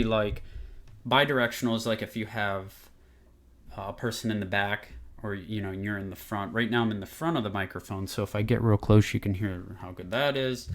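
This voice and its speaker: A man casually talking through a microphone test at home, rambling with fillers and moving closer and farther from a desk condenser mic. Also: fairly low pitch. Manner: easygoing, rambling, lots of fillers. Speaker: tech reviewer. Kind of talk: casual product demo. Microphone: condenser desk microphone, distance changing.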